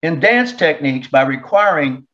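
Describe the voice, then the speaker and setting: Indignant talk show guy, kinda high voice, sarcastic, muffled lo-fi sound. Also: lively intonation, normal speed, a bit bright. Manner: sarcastic, indignant, reads excerpts aloud. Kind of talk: opinion talk monologue.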